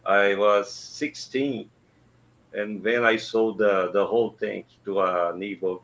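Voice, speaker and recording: A Brazilian man with a Brazilian Portuguese accent calls in for a casual chat, speaking halting English and searching for words. His voice is lowish and fairly bright with fairly even intonation, heard over a dull lo-fi line.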